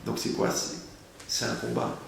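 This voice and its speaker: A man giving a lively, humorous sermon, asking rhetorical questions and playing on words. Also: moderate pace. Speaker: rabbi giving a Torah lesson. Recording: very echoey room, faint background noise.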